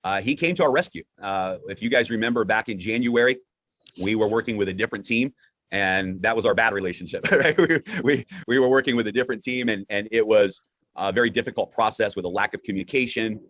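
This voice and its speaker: A man hosting a live broadcast in an upbeat, conversational way, often halting and repeating words as he goes. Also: on the low side, fairly bright tone, no room sound. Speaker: host.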